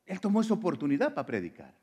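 A man's voice: high-pitched, wildly swooping pitch, rapid-fire, darkish tone, breathy edge. A male preacher delivers a sermon in an earnest, personal tone. He addresses listeners directly, often stumbling and restarting words, and builds to fervent emphasis.

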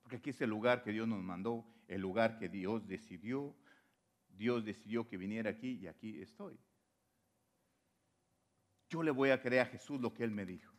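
A man preaching a sermon, repeating phrases for stress and swinging between soft, low lines and loud, high ones. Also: moderate pace, pauses often.

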